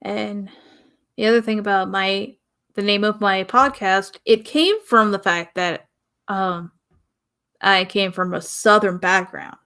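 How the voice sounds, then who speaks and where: A young woman from the American South hosting her own podcast in a casual, rambling way, pausing often and sighing. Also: mid-range voice, fairly even intonation, a bit bright. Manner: rambling, pauses often, sighs. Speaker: podcast host. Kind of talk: casual solo podcast talk.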